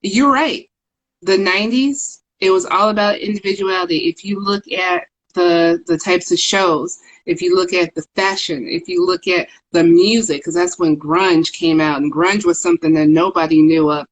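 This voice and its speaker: An articulate woman from Chicago co-hosting a podcast in casual chat, earnest and quick to laugh. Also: lowish voice, fairly even intonation, low-quality recording. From Chicago, USA. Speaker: podcast co-host.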